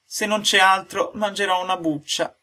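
A man's voice: high-pitched, steady tone, moderate pace, sharp tone, voice pushed up, full character voice. A man voicing a hungry, whiny wooden puppet boy in a storybook reading. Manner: whiny, wailing.

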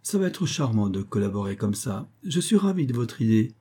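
A man's voice: medium pitch, very animated, fairly quick, warm tone, slightly rough. A man reading aloud and voicing a poised, self-assured young woman writer who talks in a light, teasing, gracious way. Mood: playful.

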